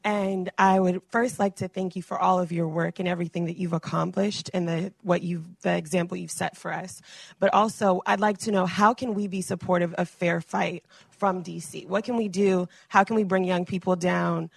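Woman asking a question at an event, lowish voice, polite, bit hesitant, dry sound. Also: steady tone, normal speed, vocal fry, husky, no echo. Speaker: audience member asking a question. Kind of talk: audience question at a live event.

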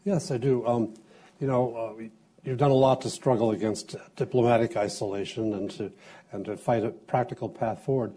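A man on a forum panel asking a long question, deliberate, with some restarts. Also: medium pitch, steady tone, warm tone, slightly rough.

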